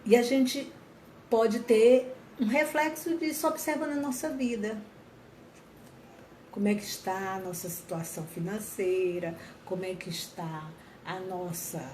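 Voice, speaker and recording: Her mid-range voice sounds mellow as she reflects earnestly on mental health for an audience, circling back to repeat and rephrase herself. The recording comes from an echoey room with faint background sound.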